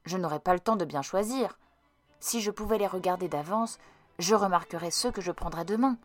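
A woman's voice: fairly low pitch, brisk, faint music behind, lightly acted. A woman reading a storybook aloud and voicing a greedy, fretful little girl. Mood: wistful.

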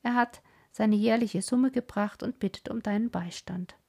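A woman's voice: mid-range voice, normal speed, gravelly. A woman reading aloud, voicing a cheerful mother who teases her husband in an old storybook. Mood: teasing. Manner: lively, teasing. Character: cheerful teasing mother of the house.

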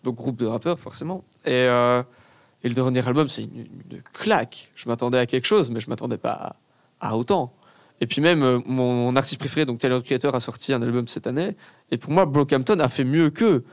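Excited young man chatting about music. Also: mid-range voice, a little fast. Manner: enthusiastic, repeats words when excited. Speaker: podcast co-host. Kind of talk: casual chat.

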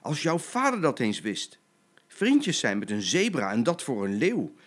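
A man's voice: mid-range voice, sing-song, normal speed. Grandpa doing a stern bossy mother lioness. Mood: angry. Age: older. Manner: scolding, forceful.

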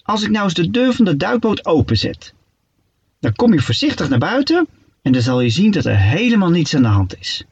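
Guy doing a chirpy little seahorse dude for a kids' story, a bit husky, dull sound. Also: high voice, big pitch swings, brisk, a little mellow, no echo, pitched above the performer's own voice, exaggerated voice. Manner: chirpy, coaxing. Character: cheerful fibbing male seahorse. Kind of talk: storybook reading. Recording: dull lo-fi recording.

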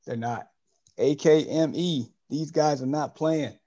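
Higher-voiced man co-hosting sports chat. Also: slow pace, warm tone, highs cut off. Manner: conversational, stumbles and corrects himself. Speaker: podcast co-host. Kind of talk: casual sports talk.

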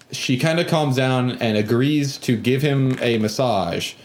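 A man in casual podcast chat, animatedly retelling a video game scene and acting out characters' lines. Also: mid-range voice. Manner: animated, acts out characters in yelling voices.

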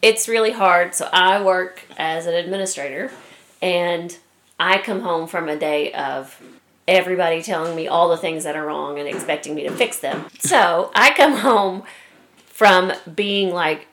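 Bright woman telling earnest stories. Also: on the low side, measured pace, low-quality recording. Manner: earnest storytelling, animated when recounting. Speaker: guest, school administrator. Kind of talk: casual chat among friends.

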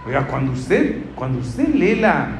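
Man, sermon, lively swooping pitch, faint room ambience. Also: a little slow, noisy background. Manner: animated, acts out quoted voices, rising to shouts. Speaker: preacher. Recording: echoey hall, mic from a distance.

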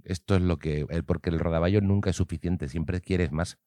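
A man co-hosting a casual podcast chat, teasing and arguing back in quick banter. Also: low voice, steady tone, mellow, dry recording. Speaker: podcast co-host.

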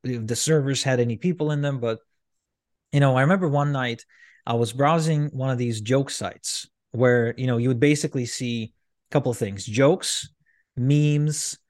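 This Ukrainian businessman, a native Russian speaker, is being interviewed on a podcast and talks at normal speed in a typical male pitch with a slightly dark tone. His account loops around, full of fillers and false starts, captured in a close, dry recording without echo.

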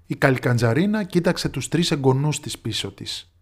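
A man telling a folk tale in lively, expressive scripted narration. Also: medium pitch.

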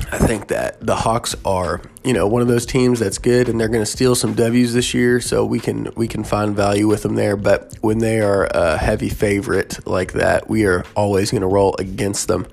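A man's voice: lowish voice, fairly even intonation, moderate pace, creaky, darkish tone, faint music behind. A man hosting a sports betting podcast early in the morning, tired and yawning, talking in a laid-back, rambling way. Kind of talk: casual solo podcast.

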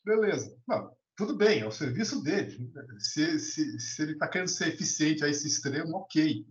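Animated São man, echoey lo-fi. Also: on the high side, moderate pace. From Brazil. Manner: animated, colloquial, many restarts. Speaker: discussion participant, teacher. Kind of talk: casual storytelling and opinion. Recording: echoey lo-fi recording.

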